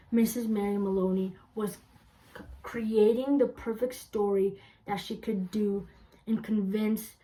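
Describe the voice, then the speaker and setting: A woman's voice: medium pitch, warm tone, low-quality recording. A woman gives a courtroom closing argument as a prosecutor, speaking insistently and emphatically, stumbling slightly over some phrases. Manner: insistent, emphatic, repeating key points for persuasion.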